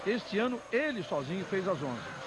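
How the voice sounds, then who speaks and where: A Brazilian man analyses a motor race off the cuff. His voice sits a little high and he explains in long, wandering detail. Clear engine noise is heard behind him. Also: very animated, moderate pace. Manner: explanatory, rambling anecdotal detail. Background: race cars and trackside ambience.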